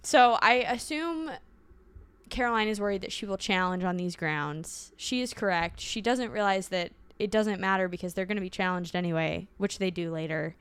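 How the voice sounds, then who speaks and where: A woman's voice: mid-range voice, clear, resonant tone. A woman co-hosting a casual recap chat, rambling and correcting herself as she goes. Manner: rambling, self-correcting, quick asides. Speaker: podcast co-host.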